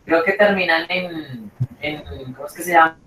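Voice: medium pitch, normal speed, pushed and bright, reverberant, far from the mic, slight background noise, poor audio. A teacher giving an online class, repeating each point and checking in with the students again and again. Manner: repeats and checks with "¿cierto?" and "¿listo?".

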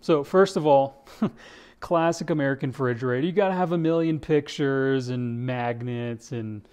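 A man's voice: medium pitch, moderate pace, a little mellow, smooth. A young man giving a jokey, casual tour of a kitchen, filmed on a handheld camera in a house. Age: young adult. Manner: playful, jokey, says "dude" often. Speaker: English teacher vlogger. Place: kitchen of a large house, indoors. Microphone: handheld camera, selfie framing.

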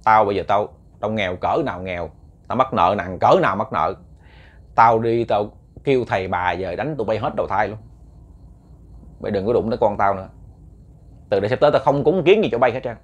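A man's voice: on the low side, fairly quick, long pauses, dull audio, voice pushed down, close to an everyday voice. A man voicing an enraged rural father who curses and threatens the spirits. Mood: threatening. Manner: threatening, cursing harshly. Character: furious poor rural father cursing ghosts.

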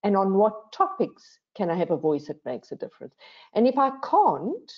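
Her voice is lowish and dark: an older woman appearing as a panel guest in a reflective discussion. She speaks earnestly and emphatically, questioning herself and adding "right?", and the video call sound is dull and lo-fi.

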